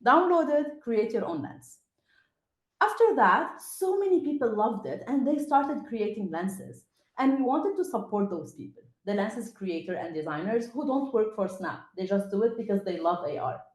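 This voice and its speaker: On an online video call from an indoor room, a Lebanese-accented panelist, a tech programme lead with Arabic as her first language, introduces herself to students. Her medium-pitched voice is sing-song at a moderate pace. The call audio sounds roomy and echoey.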